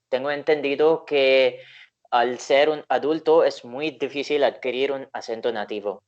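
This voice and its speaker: A man with an Indian accent hosting a casual interview and asking measured, careful questions. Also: medium pitch, smooth, lo-fi sound. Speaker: interviewer, channel host. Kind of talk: casual interview over a call.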